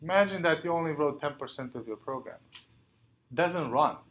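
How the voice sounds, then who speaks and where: A man giving a university lecture, halting with many fillers and putting questions to the class. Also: a little high, expressive, fairly bright tone, lo-fi sound. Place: lecture hall. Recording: echoey lecture hall.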